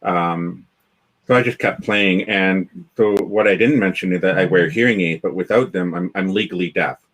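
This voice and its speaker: Speaking at normal speed in a low, fairly bright voice, this Canadian developer community founder appears as a guest in a casual video-call interview. The recording is rough, and his talk wanders with frequent restarts and fillers.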